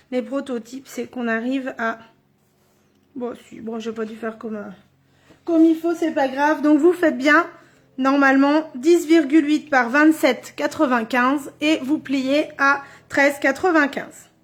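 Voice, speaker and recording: High-voiced chatty woman crafting live. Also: fairly even intonation, unhurried. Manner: chatty, thinks aloud while working. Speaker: card-making demonstrator. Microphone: phone or camera on a stand.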